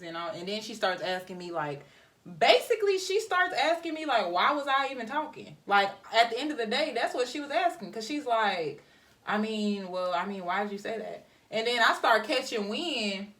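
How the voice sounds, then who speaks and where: A young woman vlogger chatting animatedly to viewers while doing her hair, telling a story about work. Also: medium pitch. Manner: animated, talks to viewers as y'all. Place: home, getting ready. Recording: voice somewhat far from mic.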